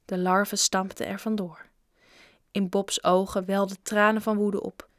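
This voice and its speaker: A woman calmly narrating a children's book aloud. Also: mid-range voice, measured pace, no echo, clean studio sound. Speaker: audiobook reader. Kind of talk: scripted narration.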